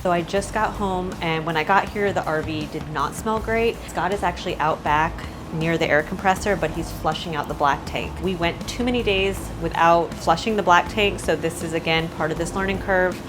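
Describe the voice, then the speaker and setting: A woman narrating a casual RV vlog in a chatty, playful, excitable way. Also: lowish voice, normal speed, hardly any pauses. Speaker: vlogger. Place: RV campground, indoors and outdoors. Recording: background music.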